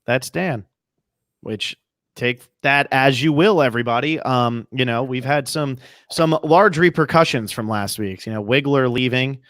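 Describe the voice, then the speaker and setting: A man with a high-pitched voice hosting a casual, chatty TV recap podcast. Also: measured pace, a bit bright, no echo, clean studio sound. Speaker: podcast host.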